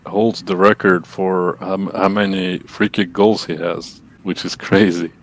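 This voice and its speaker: A man with a deep, level voice speaks a little slowly. He's a podcast host in a casual interview chat, talking loosely with plenty of fillers and asking questions.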